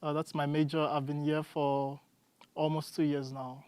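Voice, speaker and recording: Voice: mid-range voice, little pitch movement, normal speed, a little mellow, clear, resonant tone, dry recording. A student from Nigeria with a Nigerian accent, chatting as an interview guest and telling stories. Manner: chatty, storytelling. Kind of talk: casual interview answers.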